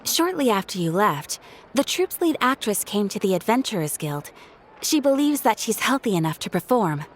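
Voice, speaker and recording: An actress playing a polite, composed guild receptionist in a video game. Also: female voice, mid-range voice, sing-song, slight background noise, close to an everyday voice. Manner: polite, measured.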